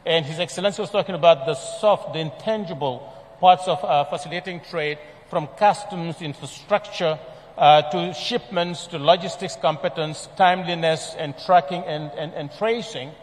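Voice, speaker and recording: Measured man from Senegal, hall reverb. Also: a little high. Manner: measured, with frequent fillers and restarts. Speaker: conference presenter. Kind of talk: formal report presentation. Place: large conference hall.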